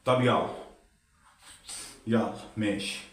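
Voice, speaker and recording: A man's voice: on the low side, steady tone, slow, fairly bright tone, a little hiss or hum, voice pushed down. A man with an Egyptian accent playing a desperate male gambler who bets away his house. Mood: pleading. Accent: Egyptian Arabic. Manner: pleading, then frantic. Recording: roomy, distant mic.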